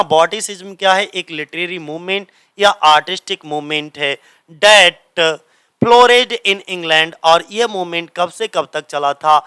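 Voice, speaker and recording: This is a man teaching English literature, his voice bright and smooth, a little high for a man. He talks slowly and deliberately, mixing Hindi with English and pausing to ask his students again and again, as if drilling them. The recording is close and dry. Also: dry recording, low-quality recording. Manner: repeats key answers as quiz questions to students; mixes Hindi and English, reads English passages slowly. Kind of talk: exam-prep lecture.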